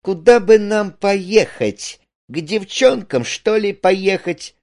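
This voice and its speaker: A man voicing a boisterous, mocking carousing man who talks loudly and teases. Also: fairly high pitch, very animated, normal speed, voice pushed up. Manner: loud, brash, teasing.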